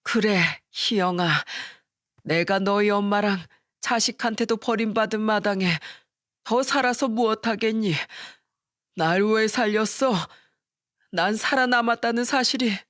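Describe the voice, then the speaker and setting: A woman voicing a weary, despairing older father who speaks slowly and heavily in a story radio reading. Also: medium pitch, a bit bright, no room sound, studio quality, lightly acted. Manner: slow, heavy-hearted.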